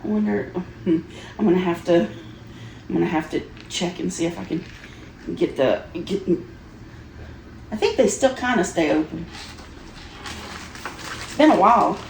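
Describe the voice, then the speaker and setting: A woman's voice: fairly low pitch, moderate pace, long pauses, a little mellow. A middle-aged woman chatting casually in a playful, giggly way with frequent exclamations. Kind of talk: casual chat while unboxing Halloween items. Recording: roomy echo with clear background noise.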